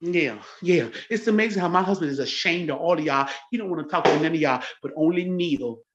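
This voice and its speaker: A woman's voice: deep voice, animated, fairly quick, background noise. Woman in her 40s going off at someone on a livestream, boastful and taunting, keeps repeating herself, muffled lo-fi audio. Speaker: church livestream host. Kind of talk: confrontational video rant.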